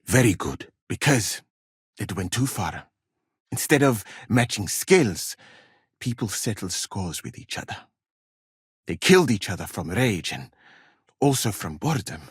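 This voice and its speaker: An actor playing a courteous, dryly witty medieval scholar and physician from Mali in a video game, speaking in formal, measured, precise words. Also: male voice, fairly low pitch, big pitch swings, slightly rough, no room sound, studio quality, full character voice. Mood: earnest. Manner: formal, measured, precise wording without contractions. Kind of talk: video game character dialogue.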